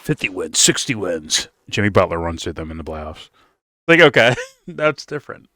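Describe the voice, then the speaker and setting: A man with a low voice but a bright, forceful edge reacts on a casual show. He swears freely and stumbles into restarts as he thinks aloud. The mic is close and dry. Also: big pitch swings, moderate pace, no room sound. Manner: loose, profane, stammering restarts with laughs.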